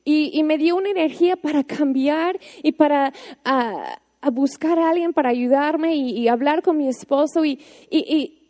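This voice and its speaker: A woman gives a relaxed spoken devotional in a high yet soft, mellow voice. She talks like she is chatting with friends and keeps adding fillers and little tag questions. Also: moderate pace. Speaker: devotional speaker.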